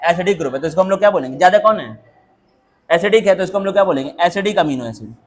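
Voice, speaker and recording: A man's voice: high-pitched, expressive, very fast, slight background noise. A man teaching a classroom lecture who keeps firing rhetorical questions and drilling the answers back. He jokes with the students and calls on them by name. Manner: constant rhetorical questions, call-and-response drilling; jokey, teases and calls on students.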